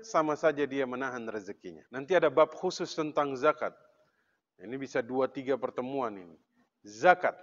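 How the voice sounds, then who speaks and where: A man's voice: on the high side, a bit bright. A man preaching a mosque sermon, asking the congregation questions and telling humorous anecdotes. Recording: dull sound with long reverb in a hall.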